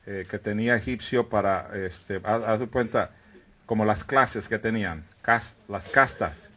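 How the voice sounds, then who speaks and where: A man preaching a teaching sermon to a live congregation, often asking questions and calling them brethren. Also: mid-range voice. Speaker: preacher teaching a Bible study. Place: meeting room with a live congregation.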